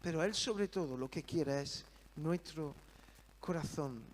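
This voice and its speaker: A man's voice: a little high, measured pace, a little hiss or hum. A man preaching a sermon, earnest and full of rhetorical questions.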